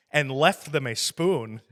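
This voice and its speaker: A man hosting a podcast, chatting casually about a film in a rambling, profane, animated way and laughing often. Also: medium pitch, slow. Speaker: podcast host.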